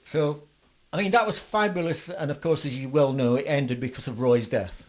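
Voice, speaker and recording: An older man, a bass player being interviewed, telling long rambling stories with lots of fillers and restarts. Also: normal speed, darkish tone. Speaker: guest musician, bassist. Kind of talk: interview storytelling.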